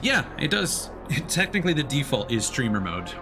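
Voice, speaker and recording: A man with a medium-pitched, sing-song voice talks fairly quickly over background music while livestreaming a video game. His commentary is casual and playful, a let's play that includes reading on-screen text aloud.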